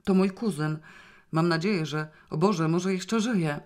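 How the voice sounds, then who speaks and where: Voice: mid-range voice, a little slow, close to an everyday voice. A reader voicing a young noblewoman who turns icy and furious in an audiobook. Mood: stern. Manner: sharp, commanding. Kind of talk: audiobook reading.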